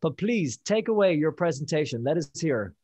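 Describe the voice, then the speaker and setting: A man's voice: fairly high pitch, big pitch swings, moderate pace, darkish tone, breathy edge. A man hosting a live virtual conference as moderator, chatty and upbeat with light jokes between speakers.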